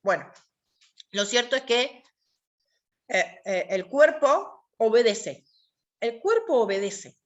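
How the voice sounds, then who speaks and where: A woman with an Argentine accent teaching an online class, explaining with emphatic repetitions and rhetorical questions. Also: a little high. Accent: Argentine Spanish. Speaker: workshop teacher.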